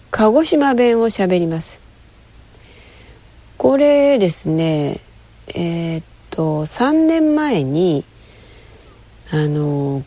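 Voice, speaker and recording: A woman chatting casually to camera, rambling and telling a story with lively, acted-out quoted voices. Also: mid-range voice, creaky, no room sound. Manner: lively, rambling, with frequent fillers.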